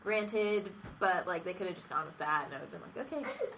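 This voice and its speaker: A woman co-hosting a podcast, expressive and playful in a casual book discussion. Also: on the low side, fairly quick, slight background noise. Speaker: podcast co-host.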